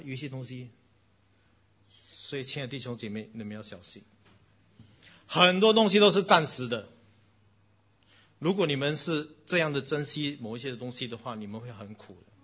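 Lively preaching man, bright and husky. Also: medium pitch. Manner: animated storytelling, mixing in bits of English. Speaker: pastor. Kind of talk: sermon. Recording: dull, lo-fi recording.

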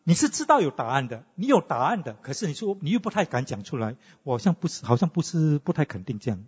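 A man preaching a sermon, teaching in an animated way and asking the congregation questions. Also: a little high, fast, breathy edge. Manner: animated teaching, asks the congregation questions, mixes in English tags. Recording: lo-fi with long hall reverb.

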